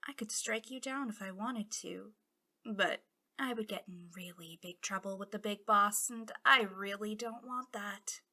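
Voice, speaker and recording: A woman performs an ASMR roleplay as a once-heroic villainess, bitter and taunting, her breathy delivery dipping into whispers and carrying a mocking, conspiratorial drawl. Her voice is mid-range and unhurried, pushed and bright, and the mood comes across as grudging.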